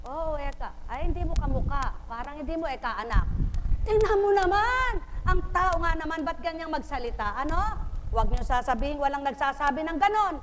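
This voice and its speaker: A woman delivers a sermon in a high voice, throwing rhetorical questions at her listeners and acting out little scenes of gossip. The live recording carries a long reverb from the hall and a faint hiss underneath. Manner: rhetorical, questioning the congregation, animated storytelling. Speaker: preacher.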